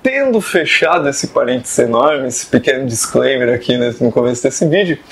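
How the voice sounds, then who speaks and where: Chatty, gravelly-voiced man. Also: medium pitch, animated, normal speed. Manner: chatty and digressive, with many asides and tag questions. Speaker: writing teacher and video host. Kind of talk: casual talk to camera about fiction writing.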